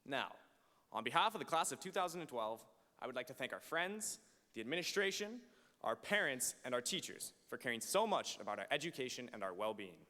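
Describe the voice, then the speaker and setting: Young man's animated podium speech, echoing hall. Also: medium pitch, a little fast. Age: late teens. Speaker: high school valedictorian. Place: large auditorium stage. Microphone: podium microphone on a stand. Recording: reverberant hall through PA microphone.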